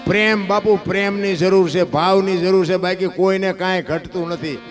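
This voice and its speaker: A man giving a devotional folk discourse as a storyteller, firing rhetorical questions and swinging between loud and hushed. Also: sits high, steady tone, normal speed, faint music behind.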